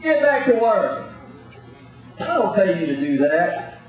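Exasperated coach shouting across an echoey gym. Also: male voice, sits high, big pitch swings, slow, soft background music, some chatter behind. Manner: exasperated, bossy, scolding. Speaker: coach in a clown gymnastics act. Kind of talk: comic coaching patter over a live act. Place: large indoor gymnasium with audience. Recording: echoey distant muffled gym recording.

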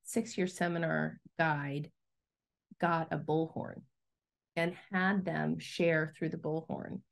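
A woman's voice: low voice, flat delivery, slow, gravelly. A woman hosting a conversational interview, affirming her guest and adding her own thoughts. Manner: affirming, frequent murmured backchannels. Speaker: host.

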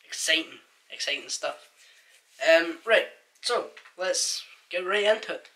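Bright-voiced young man reacting to music. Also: fairly high pitch, expressive, measured pace, slight background noise. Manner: chatty, rates songs out loud with many fillers. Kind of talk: casual album reaction chat.

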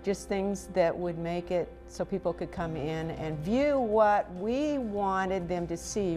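Recorded on a lapel mic inside a large old brick livery stable, this older American woman talks casually while being interviewed as a museum representative. Her voice is fairly low and slightly mellow.

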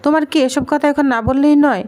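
A woman's voice: sits high, fairly even intonation, fast talker, a little mellow, lightly acted. A woman reading the lines of a stern mother who scolds and instructs her family. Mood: firm. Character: stern mother of grown sons.

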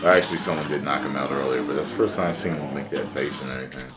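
A man's voice: very deep voice, very fast. A man in his thirties giving casual, amused, laid-back reaction commentary. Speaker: reaction video host. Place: small room at home, indoors. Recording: loud game clips and music behind. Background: game music and streamer clips.

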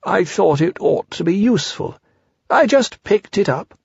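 A man voicing a simple, gentle male teddy bear who speaks slowly and plainly. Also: sits high, animated, creaky, breathy edge, dry recording, pitched above the performer's own voice, heavily acted. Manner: slow, unhurried, plain-spoken. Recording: dull lo-fi audiobook recording.

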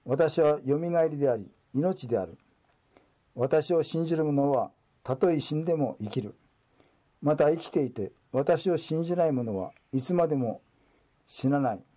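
Jesus, read by a man, solemn and measured. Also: a little high, animated, dark tone. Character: Jesus, calm authoritative male teacher.

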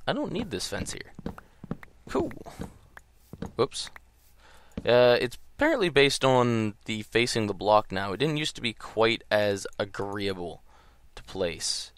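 A man's voice: on the low side, big pitch swings, slow pace, pauses often. A man giving casual gameplay commentary in a groggy early-morning voice, rambling and hesitant. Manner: rambling, hesitant, full of ums and trailing thoughts.

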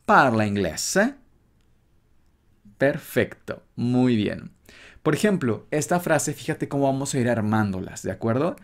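A man's voice: mid-range voice, animated, darkish tone. A man teaching a beginner language lesson, patiently repeating phrases for the listener to copy. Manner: patient, slow and repetitive, drills phrases.

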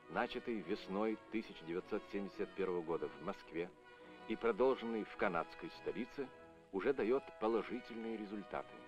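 Man, old newsreel narrator, formal official tone, dull lo-fi film audio, music behind. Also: lowish voice. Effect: old Soviet newsreel voice-over. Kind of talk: scripted narration.

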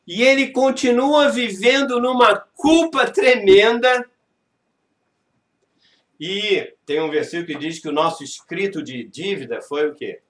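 A man's voice: high-pitched, lively intonation, unhurried, a bit bright, roomy sound. A man, a pastor giving a sermon lesson in church, emphatic, acting out quoted voices and asking his audience questions. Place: church, live-streamed.

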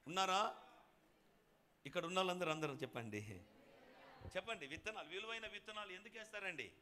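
A man with a Telangana Telugu accent preaching a sermon as pastor, calling out to the congregation for responses and swinging between quiet storytelling and loud shouted praise. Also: sits high, animated, brisk, a little hiss or hum.

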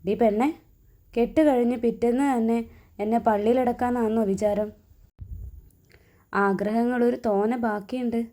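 A woman voicing a hot-tempered, teasing young husband in a storybook reading, in a gruff, bantering way. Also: fairly high pitch, fairly even intonation, a little slow, long pauses, mellow, lightly acted. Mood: angry.

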